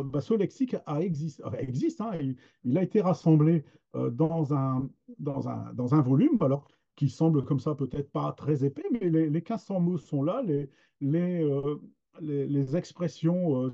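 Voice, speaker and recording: A man's voice: fairly high pitch, mellow. A man giving an unscripted webinar talk, hesitant and full of fillers and restarts. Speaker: webinar presenter on regional literature. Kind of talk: unscripted lecture. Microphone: video call. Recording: dull lo-fi webinar audio.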